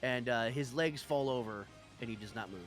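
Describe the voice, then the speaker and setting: A man's voice: mid-range voice, moderate pace. A man acting as game master, narrating action dramatically and giving casual rulings in a tabletop game. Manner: dramatic, vivid storytelling with casual swearing. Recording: music in the background.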